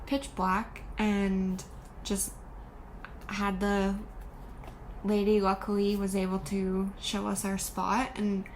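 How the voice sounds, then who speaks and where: A woman hosting her vlog, telling a story in a relaxed, casual chat. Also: mid-range voice, slow pace, slight background noise, low-quality recording. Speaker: vlogger host.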